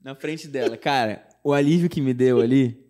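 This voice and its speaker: A young Brazilian man with a mid-range voice talks at a normal speed while telling a personal story as a singer-songwriter guest. The chat is casual, his accent is Brazilian Portuguese, and he animatedly voices the quoted dialogue, using lots of fillers like "tipo" and "não sei o quê".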